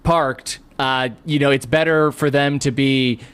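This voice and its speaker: A man co-hosting an improvised comedy podcast, narrating deadpan and rambling in halting, restarting sentences. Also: mid-range voice, clear, resonant tone.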